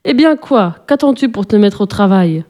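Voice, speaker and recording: A woman voicing a haughty, bossy rich lady who scolds her young maid in shrill, trumpeting tones. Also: normal speed, dark tone, highs cut off, lightly acted. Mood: scolding.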